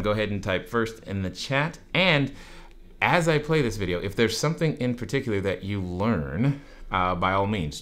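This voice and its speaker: Deep low guy hosting a livestream, talking to the chat, encouraging. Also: fairly bright tone. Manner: encouraging, gives instructions to the chat. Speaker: livestream host. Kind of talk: live stream address to viewers.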